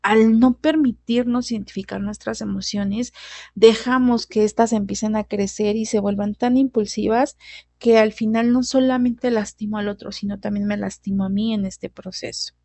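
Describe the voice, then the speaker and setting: A woman's voice: medium pitch, fairly even intonation, normal speed, mellow, no room sound. A woman giving a conversational recorded class lecture, often adding tag questions and restarting sentences. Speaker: teacher.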